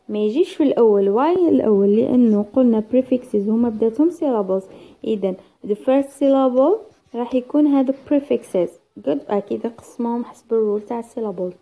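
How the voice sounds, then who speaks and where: A woman's voice: a little high, warm tone. A woman with an Algerian accent teaching an exam-prep lesson, mixing dialect with English terms and counting syllables aloud. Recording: tinny phone-like sound.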